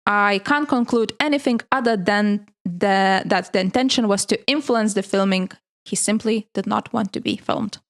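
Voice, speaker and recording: A woman's voice: mid-range voice, normal speed, few pauses. Woman host reading news notes. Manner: reads prepared notes, laughs easily. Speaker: podcast host presenting news. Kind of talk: casual podcast chat.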